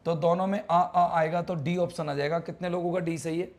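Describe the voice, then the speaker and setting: A man's voice: on the high side, steady tone, brisk. A man teaches an English grammar class live online. He talks casually and coaxes his students, repeating words over and over to drill them.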